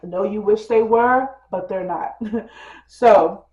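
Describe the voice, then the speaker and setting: Soft music sits under a dull, roomy recording of a woman lifestyle vlogger giving a casual tutorial. Her mid-range voice moves at a slow pace, a bit congested from a cold, and she chats with plenty of fillers, calling her viewers "girl" and "you guys."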